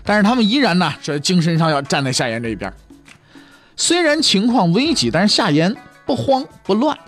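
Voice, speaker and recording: A male storyteller narrating history in a joking pingshu manner, his voice sitting fairly high and leaping all over its range. He keeps tossing rhetorical questions at the audience. Soft music plays faintly under him. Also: a little fast. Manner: lively, jokey asides and rhetorical questions to listeners.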